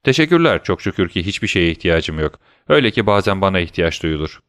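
A man's voice: deep voice, sing-song, fast, fairly bright tone, clean tone, no room sound, clean studio sound. A man reading aloud as a sly young tailor neighbor, smug and needling.

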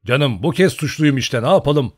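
A man voicing a young gentleman in an audiobook, joking and apologetic. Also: mid-range voice, expressive, normal speed, pitched above the performer's own voice, close to an everyday voice.

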